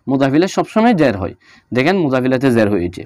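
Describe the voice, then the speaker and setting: A man teaching Arabic grammar, going over on-screen notes and repeating each example slowly with fillers. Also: mid-range voice, sing-song, a little mellow, no echo, clean studio sound. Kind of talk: explaining on-screen notes in a lesson.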